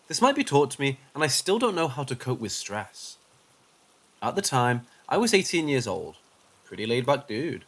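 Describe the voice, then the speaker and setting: A man narrating first-person paranormal stories as scripted narration, dropping low and quiet for the tense moments.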